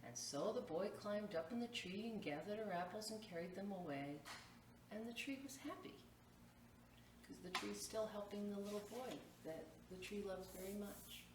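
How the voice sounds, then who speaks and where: Speaking at a moderate pace in a mid-range voice, a woman leads library storytime, reading a picture book to children and explaining it plainly. A far-off mic captures the echoey room along with faint noise.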